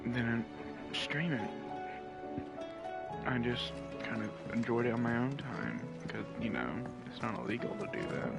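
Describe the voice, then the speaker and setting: A man's voice: mid-range voice, expressive, a little slow, vocal fry. A man streaming a game late at night at home, talking in a laid-back, rambling, profane way close to the mic. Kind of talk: casual live game commentary. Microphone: close desk mic. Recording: mic with game music behind.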